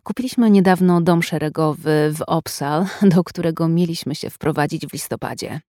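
Calm woman reading a first-person story. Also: sits low, normal speed, no echo, studio quality. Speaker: audiobook narrator. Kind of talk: scripted first-person narration.

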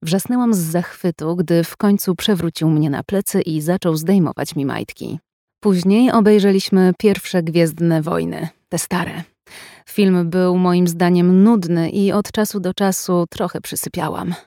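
Calm woman reading a first-person story. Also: fairly low pitch, a little slow, dry recording, clean studio sound. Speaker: audiobook narrator. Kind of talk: scripted first-person narration.

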